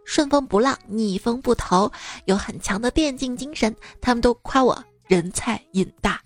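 A young woman hosting a comedy podcast, reading listener jokes in a lively, casual way and laughing at them. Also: fairly high pitch, moderate pace, no echo, faint music behind.

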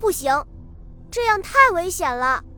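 A woman reading the lines of a calm, decisive middle-aged male official in a novel, speaking firmly and evenly. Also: extremely high pitch, brisk, soft background music, heavily acted.

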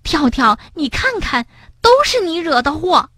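A woman doing a shrill indignant little rabbit. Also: big pitch swings, normal speed, sharp tone, husky, no room sound, clean studio sound, heavily acted. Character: small excitable rabbit child, quick to scold.

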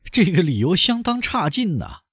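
A man's voice: high-pitched, sing-song, normal speed, fairly bright tone, husky, dry recording, studio quality, pitched above the performer's own voice, heavily acted. A man voicing a pampered middle-aged banker held captive, pleading and wheedling for food. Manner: wheedling, pleading and put-upon.

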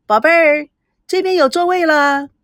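A woman with a fairly high voice and big pitch swings speaks at normal speed in clean, echo-free studio sound. In an audio story she plays a brash, teasing young Taiwanese woman, a cheeky self-styled beauty who is playful and bossy.

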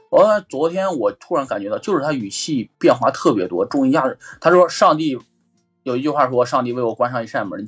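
A man's voice: mid-range voice, slightly rough. A man co-hosting a casual talk podcast about a comedy show, chatty, swearing casually and laughing as he talks. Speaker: podcast co-host. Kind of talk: casual chat commentary.

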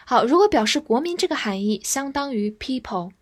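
A young woman teaching English vocabulary, spelling each word out letter by letter and reading example sentences slowly. Her first language is Chinese. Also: high-pitched, animated. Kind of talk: vocabulary lesson, spelling and slow model reading.

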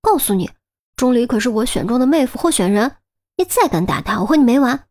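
A woman voicing a feisty, bossy young female detective in an audiobook, quick and emphatic. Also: a little high, lively intonation, darkish tone, voice pushed up. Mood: scolding.

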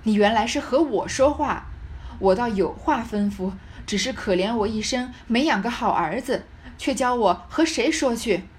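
A woman's voice: fairly high pitch, animated, normal speed, darkish tone, close to an everyday voice. A woman voicing a stern, grieving old grandmother who scolds her son with cold sarcasm. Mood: scolding.

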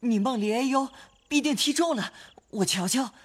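A woman voicing a pampered, quick-tempered young male noble heir in an audio drama. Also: lowish voice, big pitch swings, a bit bright, breathy edge, exaggerated voice. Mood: apologetic.

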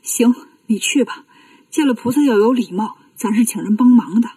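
A woman's voice: a little high, normal speed, warm tone, husky, dry recording, far from the mic. Woman storyteller doing a brash monkey hero, plain-spoken, dry close sound. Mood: weary. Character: brash brave male monkey king hero. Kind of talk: children's storybook reading.

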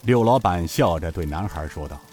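A man narrating a serialized novel as an expressive, measured storyteller. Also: low voice.

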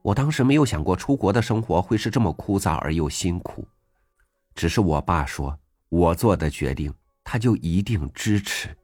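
A man with an extremely deep, low voice reads a first-person essay in a gentle, reflective manner. His voice is close and dry, recorded on a studio mic. Soft music plays faintly behind him. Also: lively intonation, normal speed, no room sound. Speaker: audiobook host reading an essay. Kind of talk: scripted narration.

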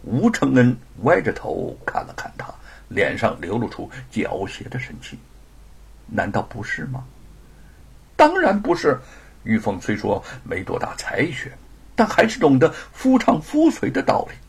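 A man narrating a story as an audiobook, with an expressive storyteller delivery. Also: mid-range voice, normal speed, gravelly, slightly rough.

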